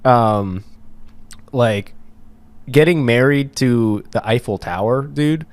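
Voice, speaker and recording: A young man co-hosting a casual podcast, joking around with slangy asides and quick reactions. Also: medium pitch, clean tone, no room sound. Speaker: podcast co-host.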